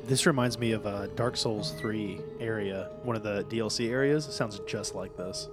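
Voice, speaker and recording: A man playing a tabletop game, making quick joking asides. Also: fairly low pitch, music in the background. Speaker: player.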